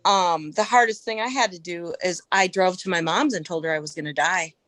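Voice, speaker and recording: Middle-aged woman, podcast guest, casual animated storyteller, dry close sound. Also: fairly low pitch, brisk, no echo, poor audio. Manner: animated storyteller, acting out quoted speech. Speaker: podcast guest, melanoma survivor.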